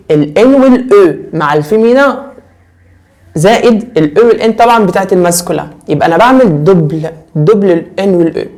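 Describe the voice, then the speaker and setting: Lively Egyptian man teaching French. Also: high-pitched. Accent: Egyptian Arabic. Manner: lively, repeats words and asks the class questions. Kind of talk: casual classroom lesson.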